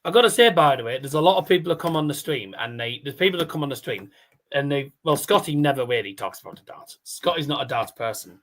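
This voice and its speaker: A man's voice: fairly high pitch, lively intonation, fast, fairly bright tone. A man hosts a casual sports watchalong stream. He has a stutter and cannot pronounce his R's, which sound like W's. His talk is loose, rambling and sweary, slipping between chat and commentary. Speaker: livestream host.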